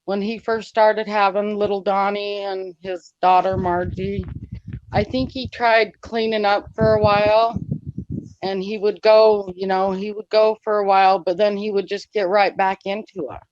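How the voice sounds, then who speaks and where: A woman's voice: medium pitch, flat delivery, unhurried, darkish tone, dry recording, highs cut off. A woman who is an interview guest, telling a personal story in an earnest, rambling way with many fillers. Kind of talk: conversational storytelling.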